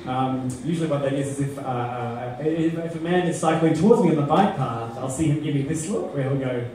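Filmed from far back in an echoey club, a middle-aged female comedian from Australia works a live crowd with a deadpan, halting set full of ums. She speaks in a bass voice into a handheld mic, against a noisy background with audience laughter.

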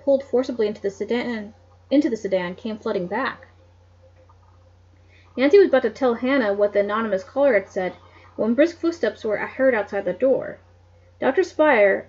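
Husky woman reading a novel aloud. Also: on the high side, a little mellow, muffled recording. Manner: reads with small slips and restarts, asides. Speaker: reader. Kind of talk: casual read-aloud of a novel.

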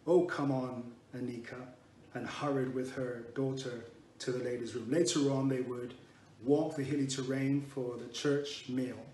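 A man reads a memorial tribute at an even, measured pace, catching himself and restarting a phrase now and then. He sits back from the mic, so the room echo comes through. A faint hiss of noise runs underneath. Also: medium pitch. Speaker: eulogy reader. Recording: roomy and distant with faint noise.

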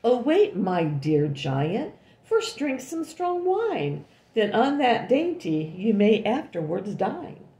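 A woman voicing a frightened young maid in a storybook, speaking high, slow and drawn out. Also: big pitch swings, dark tone, echoey room, heavily acted. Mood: coaxing. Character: frightened young woman servant at a giant's door.

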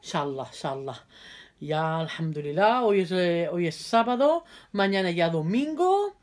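A woman giving a casual video lesson, repeating phrases carefully for viewers and chatting in quick asides while she handles her cards. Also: on the low side, sing-song, a little mellow. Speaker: language teacher.

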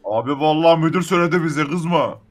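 A shady factory worker and scientist, played by a man dodges questions in an offhand, sheepish tone. His voice sits a little high. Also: fast, faint music behind, close to an everyday voice.

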